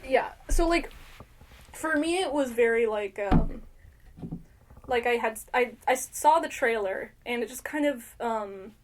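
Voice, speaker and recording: A woman's voice: a little high, unhurried, a little hiss or hum. A young woman co-hosting a podcast in casual chat, rambling with lots of fillers and swearing. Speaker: podcast co-host.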